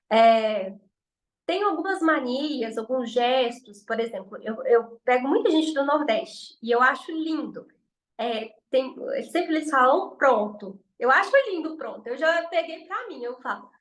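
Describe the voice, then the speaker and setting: A woman whose voice sits high and a bit bright teaches informally to camera, though the audio is poor. She's a mineiro Brazilian Portuguese speaker from Minas Gerais offering chatty, comforting exam tips and acting out what people say.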